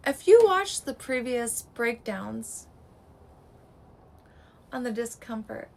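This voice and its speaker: A woman's voice: on the high side, animated, slow, creaky, a little mellow, a little hiss or hum, rough recording. A woman real estate agent giving a scripted market breakdown in clipped, terse fragments, her voice strained and giving out.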